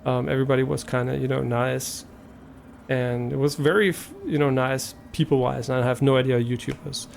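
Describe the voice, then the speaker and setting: Speaking briskly in a steady, mid-range voice with vocal fry, this German-accented man from Germany streams live, chatting casually and somewhat hesitantly with viewers as he thinks aloud. Some slight background noise is present.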